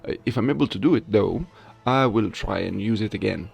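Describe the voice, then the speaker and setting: This man's lowish voice is gravelly, darkish and slightly rough, and he speaks briskly. As a video creator and amateur voice actor, he chats casually with viewers about a game voice-acting challenge.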